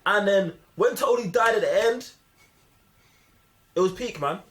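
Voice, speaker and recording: A movie review podcast host, a young Londoner with a high-pitched, slightly bright voice, talks films casually in heavy slang at a measured pace. He's opinionated and emphatic, often repeating himself for effect.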